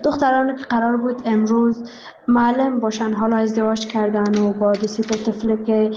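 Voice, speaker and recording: A woman with an Afghan Dari accent speaks as a former student in a fairly high voice with little pitch movement. Her tone is bitter and plaintive. The recording is dull. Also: flat delivery, warm tone, slight background noise. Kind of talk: interview comment.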